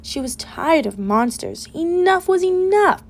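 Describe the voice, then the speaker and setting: A woman reading a children's picture book aloud with an expressive, deliberate delivery. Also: very high voice. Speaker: storybook reader.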